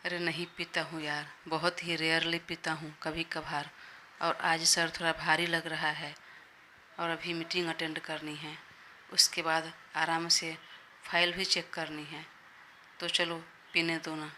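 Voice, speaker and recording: Woman voicing a gruff young male boss. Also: deep voice, little pitch movement, a little slow, pushed and bright, slight background noise.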